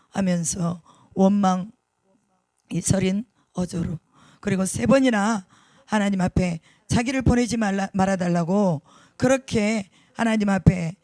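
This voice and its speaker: A man's voice: high-pitched, warm tone, no echo, studio quality. A man preaching a sermon as pastor, emphatic, repeating key words and putting rhetorical questions to the congregation.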